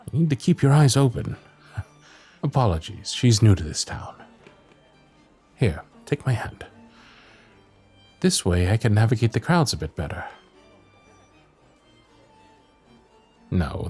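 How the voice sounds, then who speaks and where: A fairly low-pitched man sounds protective and dutiful in the role of a gentle young knight of the royal guard. The romantic fantasy audio roleplay has him speaking softly and breathily, with hesitant, formal, courtly phrasing.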